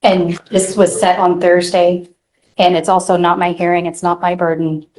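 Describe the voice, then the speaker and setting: A woman's voice: on the low side, flat delivery, moderate pace, darkish tone, low-quality recording. A woman defense attorney arguing methodically before a judge, heard in a courtroom recording. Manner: formal, methodical, presses point by point. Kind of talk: courtroom legal argument.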